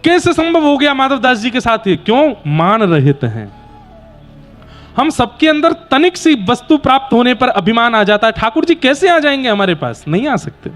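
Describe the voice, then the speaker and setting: A man's voice: very high-pitched, normal speed, faint music behind. A man giving a devotional scripture discourse, animatedly telling stories and acting out the dialogue. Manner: animated storytelling with quoted dialogue. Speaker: kathavachak (scripture storyteller).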